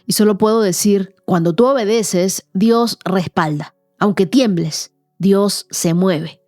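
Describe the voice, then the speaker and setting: Earnest woman Bible podcast host, mellow. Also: mid-range voice, no echo, clean studio sound, faint music behind. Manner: earnest, emphatic, slows for key phrases. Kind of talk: devotional teaching and prayer.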